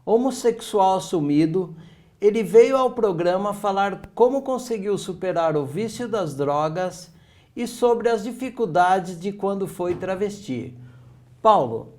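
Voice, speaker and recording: A Brazilian man hosting a TV interview show, reading a formal intro and asking his guest steady, measured questions. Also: high voice. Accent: Brazilian Portuguese. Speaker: talk show host.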